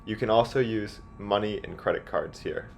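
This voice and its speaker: A man's voice: lowish voice, normal speed, darkish tone, soft background music. A young adult man narrating a guided campus tour as a student guide. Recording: clear background noise.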